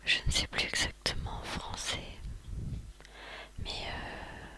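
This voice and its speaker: ASMR host, hushed library whisper, unhurried and sharp-edged, slightly halting storytelling. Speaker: ASMR video host recounting favourite books and films.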